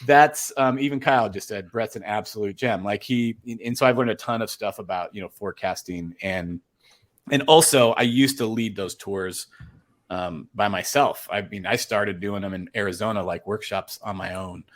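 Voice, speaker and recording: A man's voice: on the low side, normal speed. A man talking casually as an interview guest, rambling earnestly with many fillers and restarts. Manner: earnest, emotional storytelling. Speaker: storm chaser guest.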